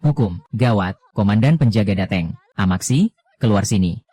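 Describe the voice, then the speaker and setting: A man narrating an anime recap in casual slang, reading every character's lines in one steady voice. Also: fairly low pitch, moderate pace, dry recording.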